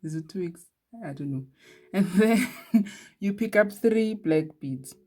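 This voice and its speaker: Woman, low voice, very unhurried, beadwork tutorial host, chatty. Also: lively intonation, dark tone. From Eswatini. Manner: slow, chatty, laughs at herself. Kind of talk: casual craft tutorial.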